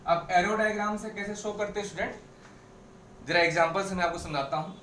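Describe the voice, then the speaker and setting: Maths teacher guy, kinda high voice, going over each step again and again, far from the mic. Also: steady tone, a little fast, fairly bright tone, a little hiss or hum. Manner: explains step by step, repeats key points, mixes in English phrases. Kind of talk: blackboard maths lesson. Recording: echoey room, mic at a distance.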